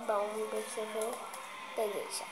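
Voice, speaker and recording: A woman's voice: mid-range voice, little pitch movement, a little slow, crowd noise, poor audio. A woman with a Brazilian Portuguese accent, chatting playfully as she runs a food game with a friend. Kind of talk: casual chat.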